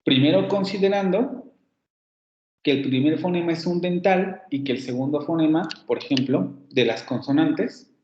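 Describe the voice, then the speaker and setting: A man's voice: on the high side, normal speed, darkish tone, reverberant, dull audio. A man giving an online phonetics lecture. He explains step by step, repeats example words and corrects himself as he goes. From Mexico. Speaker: university phonetics teacher.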